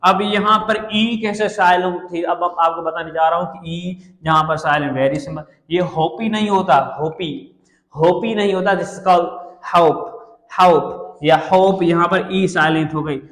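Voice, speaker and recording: A man's voice: sits high, steady tone, a bit bright. Man teaching in an echoey room. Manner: repeats words slowly, spelling letters aloud. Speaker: English teacher. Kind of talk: classroom lecture. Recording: echoey room with long reverb.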